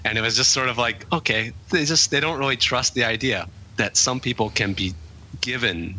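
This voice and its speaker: In a conversational interview, a guest author from an English-speaking country reflects on his working life, rambling with lots of fillers and restarts. His voice is medium in pitch, pushed and bright, and he speaks at a normal speed.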